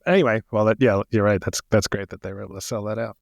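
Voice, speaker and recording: A man's voice: lowish voice, fairly even intonation, fast, creaky, no echo. A man co-hosting a theater podcast, talking casually and hesitantly, often repeating words as he goes. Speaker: podcast co-host.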